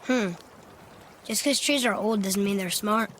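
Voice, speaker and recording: An actor voices a curious, eager young boy for a video game, speaking in an earnest, inquisitive, casual way. The medium-pitched delivery is measured in pace and lightly acted, with some background noise, as part of dramatic game acting.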